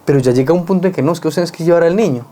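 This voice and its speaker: Colombian guy talking it through earnestly, mellow warm tone, reflective chat. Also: on the high side, very fast. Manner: earnest, explains with everyday family examples. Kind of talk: reflective conversational talk.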